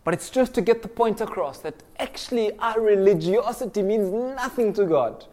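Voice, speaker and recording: A man's voice: sits high, animated, normal speed, a little mellow. A young man from Kenya preaching a sermon earnestly, often repeating phrases for emphasis. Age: young adult.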